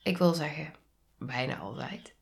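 A woman with a Dutch accent hosting a reflective solo podcast, speaking calmly and softly and often dropping into a whisper. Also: low-pitched, vocal fry. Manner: slow, calm, soft-spoken, drops to whispers. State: sneezing. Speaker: podcast host and coach.

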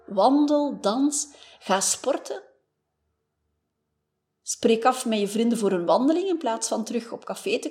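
A woman's voice: fairly high pitch, darkish tone. A woman with a Flemish accent, a former family doctor, hosting a motivational podcast and telling stories in a chatty way that tags many sentences with a questioning "hè".

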